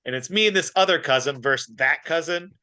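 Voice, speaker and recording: A man co-hosting a podcast in casual chat, easygoing and quick to laugh. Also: on the high side, sharp tone, clean tone, dry recording. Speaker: podcast co-host.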